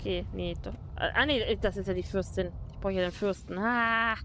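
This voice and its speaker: A woman's voice: mid-range voice, steady tone, normal speed, noisy background. A woman doing casual let's play commentary and reading game text aloud as a streamer. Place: indoors at a desk, webcam stream.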